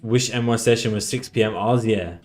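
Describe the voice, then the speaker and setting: Faint music plays behind a man whose fairly low voice moves fairly quickly. He's a livestream trader on a casual stream, chatty and reading chat messages aloud, with many restarts as his voice fades.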